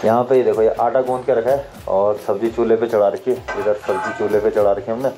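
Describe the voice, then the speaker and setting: A man in his 20s vlogs casually from a village house kitchen and stone courtyard in Uttarakhand, India, speaking playfully to viewers. His voice is on the low side, steady in tone, and quick, with music laid beneath it.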